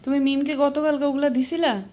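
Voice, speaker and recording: A woman's voice: high-pitched, little pitch movement, brisk, warm tone. A young woman from Bangladesh talking through a casual home vlog, mixing English phrases into her Bengali. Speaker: vlogger. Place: home kitchen and rooms, indoors. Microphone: handheld camera.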